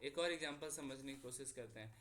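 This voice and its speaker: A young man with an Indian accent teaching a lesson on figures of speech, mixing in English and drawing out his example sentences slowly. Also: mid-range voice, fairly bright tone, slight background noise. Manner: slow, drawn-out repetition of example sentences.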